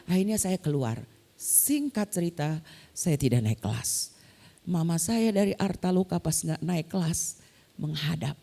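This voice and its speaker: A woman's voice: a little slow, vocal fry. A woman pastor preaching in a church, telling stories animatedly and acting out the voices of the people she quotes. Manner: animated, acts out quoted voices with big pitch jumps. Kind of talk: sermon storytelling. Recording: long hall reverb.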